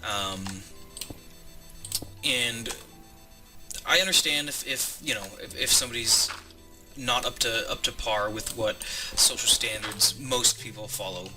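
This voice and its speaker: A man's voice: mid-range voice, unhurried, long pauses, distant mic, music in the background. A man in his twenties hosting a Let's Play, rambling through a joke and stopping mid-sentence to count aloud. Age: 20s. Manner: rambling, self-interrupting, stops to count aloud. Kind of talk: gameplay commentary. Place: home room with squeaky chair.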